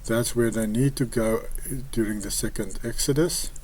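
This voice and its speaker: A man with an Afrikaans accent, speaking his native Afrikaans, comments on the Bible online, reading passages and explaining them in a halting way full of pauses. His pitch is medium and his tone darkish, over a slight hiss or hum.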